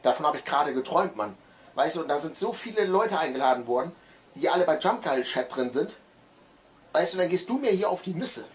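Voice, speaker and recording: A man voicing a sleepy, grumpy man woken by a phone call, rambling and talking fast in bursts. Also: a little high, lively intonation, natural voice. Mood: grumpy, drowsy.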